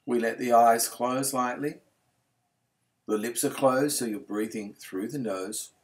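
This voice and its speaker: Leading a yoga nidra session, a male instructor speaks at a mid-range pitch in a soothing, unhurried manner, with the gentle delivery of guided meditation.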